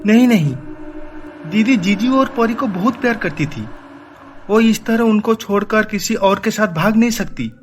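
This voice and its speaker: Male actor as determined uncle, earnest and questioning, high voice. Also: lively intonation, moderate pace, slight background noise. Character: worried young uncle, determined adult man. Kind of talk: animated story voice acting.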